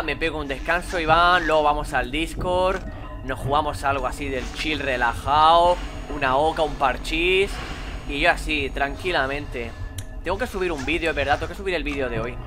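A young man from Spain streaming a horror game, who swings from low muttering to panicked shouting. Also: normal speed, over music. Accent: Spain Spanish. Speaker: gaming streamer. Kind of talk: live gameplay commentary.

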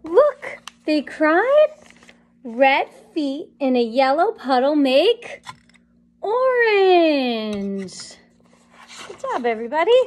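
A woman in her thirties reads a picture book aloud to young children in a small indoor classroom or playroom. Her high, very lively voice takes its time, sing-song and encouraging, pausing around questions for the little ones.

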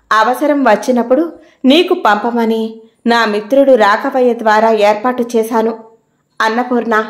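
A woman voicing an older man's letter to his wife, measured and reflective, in a storybook reading. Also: a little high, natural voice. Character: late husband, older man, calm and wise.

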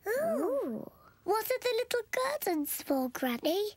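A woman's voice: very high-pitched, very animated, slow, no room sound, heavily acted. A giggly little girl piglet. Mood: excited. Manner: bright, sing-song, giggly. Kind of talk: children's cartoon dialogue. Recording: theme music behind the voice.

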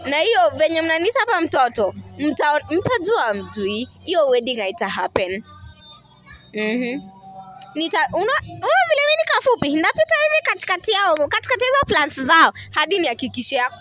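Interviewee, woman in her 20s, Kenyan accent, high-pitched, insistent and defiant, handheld mic. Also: huge pitch swings, brisk, sharp tone, soft background music. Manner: defiant, insistent, repeats herself. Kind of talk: emotional street interview.

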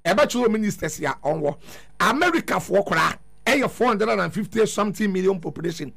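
A middle-aged man with a Ghanaian accent delivers political commentary in a high voice that swings widely and has a gravelly edge. He is emphatic, repeating words to drive his points home into a studio microphone. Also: lively intonation, brisk, a bit bright. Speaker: radio show guest. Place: small radio studio. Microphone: studio broadcast microphone.

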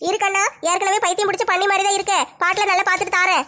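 A woman's voice: very high-pitched, little pitch movement, rapid-fire, pushed and bright. A woman playing a bold, teasing woman who threatens a drunk in a comedy skit. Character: bold, tough older sister-figure woman.

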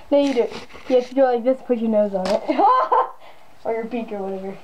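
A woman's voice: fairly high pitch, very animated, unhurried, highs cut off, noisy background. Giggly woman talking through a costume head. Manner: giggly, chatty, bossy with her brother. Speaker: vlogger showing homemade costumes. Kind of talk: casual home video chat. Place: indoors at home. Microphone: camera set down nearby.

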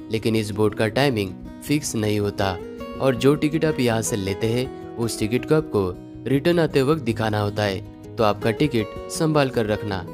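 A man giving a steady, informative voice-over as a travel vlogger, narrating a guided tour. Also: medium pitch. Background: clear guitar music.

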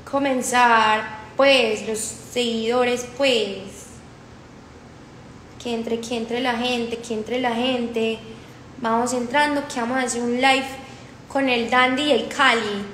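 A Colombian woman in her twenties with a paisa accent hosts a phone livestream from an indoor room, chatting casually, reading comments aloud, repeating herself and mixing in English. Her voice is fairly high and bright, slow and fairly even in intonation. The phone is held close, the sound reverberant with slight background noise.

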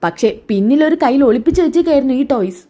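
A dismissive young husband, cold and blunt, as a woman narrator reads his part. The voice is mellow and a little high. It is read plainly in a serial recap. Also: expressive, fast. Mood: scornful. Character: harsh young man accusing a little girl of theft.

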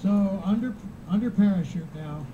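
A man's voice: sits high, moderate pace, mellow. A man giving live event commentary on a broadcast, replayed through computer speakers. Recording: muffled, noisy re-recording off computer speakers.

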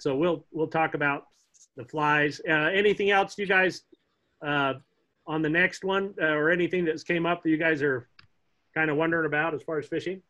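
A middle-aged man teaching a casual online fly fishing class from home, chatty and relaxed, joking with the kids as he shows flies on a webcam. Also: on the high side. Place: home room, indoors. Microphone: laptop webcam on a video call. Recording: dull lo-fi video call audio.

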